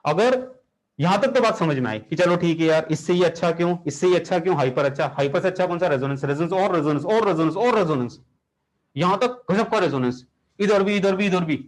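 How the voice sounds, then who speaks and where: Animated high-voiced chemistry teacher. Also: male voice, fast. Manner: theatrical, scolds orbitals like naughty students, mixes Hindi and English. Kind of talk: animated classroom lecture.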